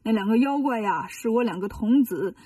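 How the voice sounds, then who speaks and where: A woman's voice: a little high, expressive, moderate pace, dark tone, breathy edge, no echo, recorded from a distance. A woman voicing an indignant, grumbling old male deity in a children's storybook.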